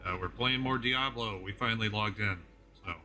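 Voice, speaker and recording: A man hosting a casual gaming stream, chatting relaxed and sometimes mumbling under his breath. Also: lowish voice, moderate pace. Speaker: streamer host. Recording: game music playing clearly behind. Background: game music.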